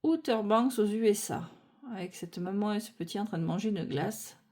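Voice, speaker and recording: A French-speaking woman, her mid-range voice somewhat dark in tone, casually makes her way through a tarot deck card by card. Unhurried, she thinks out loud with lots of fillers, self-corrections and restarts.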